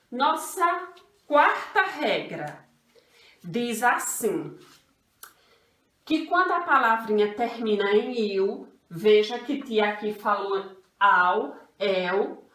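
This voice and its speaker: A woman's voice: mid-range voice, fairly bright tone. A Brazilian woman teaching an online grammar lesson to young children, patient and repetitive, calling herself "tia". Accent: Brazilian Portuguese. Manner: patient, refers to herself as "tia", repeats rules slowly. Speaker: primary school teacher. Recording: echoey room, voice from a distance.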